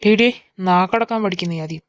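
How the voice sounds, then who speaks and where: A woman's voice: mid-range voice, fast talker, dry recording, close to an everyday voice. A woman with a Malayali accent voicing a short-tempered, protective older brother who scolds and threatens his little sister in a fan audio drama. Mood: scolding. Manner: gruff scolding, threatening, mock teasing.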